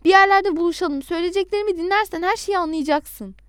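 A woman's voice: very high voice, quick pace, no room sound, studio quality, pitched above the performer's own voice. A woman reading the part of an adult man who pleads and insists on the phone, in an audiobook. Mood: apologetic.

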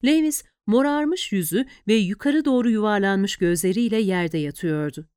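A woman narrating an audiobook in a steady, even storytelling manner. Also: medium pitch, moderate pace, smooth, dry recording, clean studio sound.

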